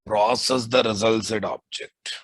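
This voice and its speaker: A man's voice: lowish voice, steady tone, measured pace, husky, no echo, rough recording. A man with a Telugu Indian accent teaching a live coding lesson, dictating code with repeated phrases and informal asides to his students. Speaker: programming instructor.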